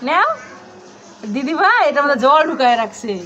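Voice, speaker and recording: A woman's voice: high voice, big pitch swings, normal speed, fairly bright tone. A mother in a casual home vlog, playfully coaxing and teasing her small child. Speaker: mother and family vlogger. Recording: lo-fi phone video, faint noise.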